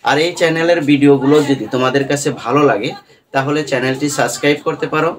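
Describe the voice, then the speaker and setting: A man's voice: medium pitch, fast talker. A man teaching English pronunciation in Bengali with a Bangladeshi accent, spelling words out letter by letter and often asking "right?" as he goes. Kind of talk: online pronunciation lesson.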